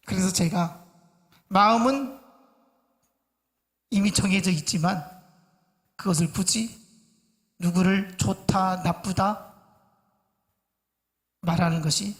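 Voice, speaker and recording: Slow-preaching male pastor in a reverberant hall. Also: high-pitched. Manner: slow, measured preaching with many pauses. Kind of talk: sermon. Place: church sanctuary.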